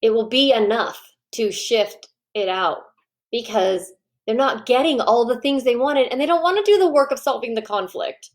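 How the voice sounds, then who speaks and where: A woman coaching parents in a live online training, chatty and lively, often acting out what parents and kids say. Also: on the high side, normal speed. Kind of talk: live online training, answering viewer questions.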